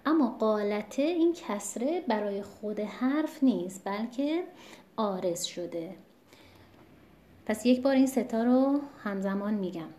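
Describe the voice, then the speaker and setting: Mellow-voiced woman teaching recitation. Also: medium pitch, animated. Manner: patient, repeats examples slowly and clearly. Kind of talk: explanatory lesson.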